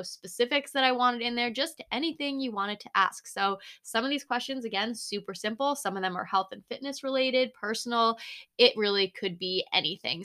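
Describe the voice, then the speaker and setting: A young woman in her twenties with a bright, clear voice, hosting her own podcast. She talks in a bubbly, chatty, upbeat way, close to a microphone in her room. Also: mid-range voice. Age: 20s. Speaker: podcast host. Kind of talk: casual solo podcast chat. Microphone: studio microphone.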